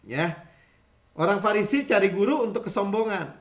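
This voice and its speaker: A man in his fifties from Indonesia, a pastor giving a lively conversational sermon, telling stories and acting out the people he quotes. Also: sits high, normal speed, roomy sound. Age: 50s. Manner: animated storytelling, acting out quoted voices, frequent chuckles. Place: church sanctuary.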